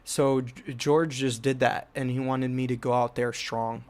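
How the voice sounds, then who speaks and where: A young filmmaker and channel host from New Jersey, in the United States, tells a rambling personal story about his filmmaking, full of fillers and restarts. His medium-pitched voice is steady, unhurried and a little mellow.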